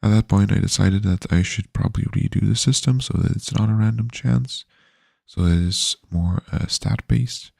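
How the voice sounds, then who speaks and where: A man's voice: fairly low pitch, normal speed, creaky, a little mellow, husky, no echo, clean studio sound. A man streaming his game development work, talking casually and sleepily with many fillers and restarts. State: yawny. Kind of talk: casual live-stream devlog.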